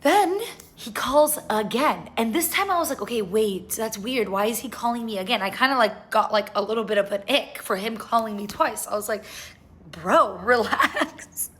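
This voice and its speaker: A young woman casually telling a story to her viewers, chatty and animated, with lots of "like". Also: fairly high pitch. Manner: chatty, animated, fast-paced retelling with lots of "like". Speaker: vlogger.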